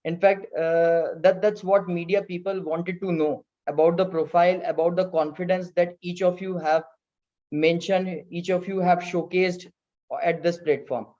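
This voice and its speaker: A man with an Indian accent moderating an online presentation as host, in a halting way. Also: sits high, flat delivery, darkish tone. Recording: dull, lo-fi video call audio.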